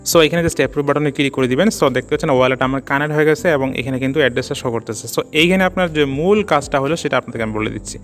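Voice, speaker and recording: Rapid-talking man, tutorial voice-over. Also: mid-range voice, fairly bright tone, faint music behind. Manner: rapid, peppers speech with "so", "just" and "ঠিক আছে?". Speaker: crypto tutorial channel host. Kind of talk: casual screen-recorded tutorial.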